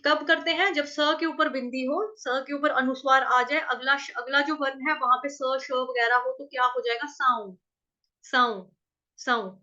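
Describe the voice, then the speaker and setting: A woman teaching Sanskrit verse pronunciation, patiently repeating syllables, chanting lines slowly and asking if everyone follows. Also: high-pitched, fairly even intonation, sharp tone, muffled recording. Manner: patient, repeats syllables and asks checking questions. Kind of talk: recitation lesson with chanted verse examples.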